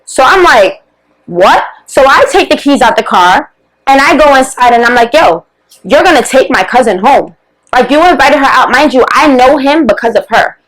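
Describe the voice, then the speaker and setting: A woman's voice: high-pitched, expressive, normal speed, fairly bright tone, poor audio. Woman telling a profane, heated story. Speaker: guest podcast co-host. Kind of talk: animated storytelling, casual podcast chat.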